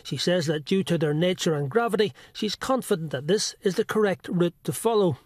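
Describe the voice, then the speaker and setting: Male TV political reporter, high register, scripted narration. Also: fairly quick, a little mellow, dry recording.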